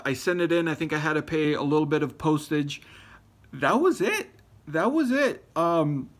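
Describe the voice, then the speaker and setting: A pipe-smoking YouTuber, born in Ecuador and raised in Florida, shows off his lighters in a casual show-and-tell video reply, rambling with many fillers and restarts. His voice is a little high with a fairly bright tone.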